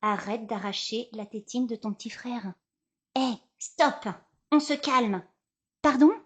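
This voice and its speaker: A woman in her thirties performing a theatrical storytelling monologue as a guest columnist, swinging between loud and hushed delivery. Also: fairly high pitch, slow pace, breathy edge.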